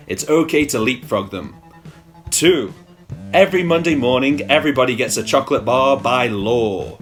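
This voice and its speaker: A man doing stand-up in a dry, deadpan voice, his pitch sitting in the middle. He delivers absurd jokes flatly and tosses in the occasional swear. Faint guitar music plays behind him. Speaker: stand-up comedian.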